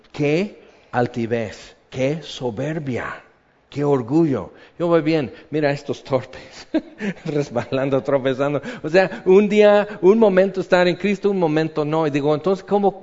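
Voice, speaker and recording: A middle-aged man preaching a sermon, telling stories with lively acted-out voices. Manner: animated storytelling, acts out voices with big jumps in pitch and loudness. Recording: muffled sound in a long-echo hall.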